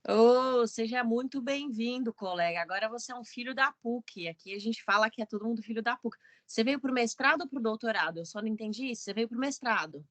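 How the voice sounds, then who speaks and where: A woman's voice: on the high side, fast, few pauses, a bit bright, no room sound. A woman hosting an online student meeting, welcoming newcomers in a chatty, casual way over a video call. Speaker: meeting host, student association coordinator.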